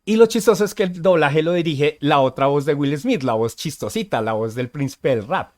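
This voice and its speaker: A man's voice: fairly high pitch, expressive. Chatty man discussing dubbing. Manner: chatty, fills pauses with "eh" and "¿sí?". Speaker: podcast co-host. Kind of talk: casual podcast discussion.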